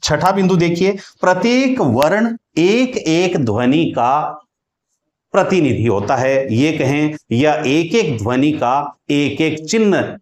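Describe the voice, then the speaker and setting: Slow-spoken male grammar teacher, echoey room. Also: a little high, lively intonation. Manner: slow, deliberate explaining, drawing out sounds as examples. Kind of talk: classroom lecture.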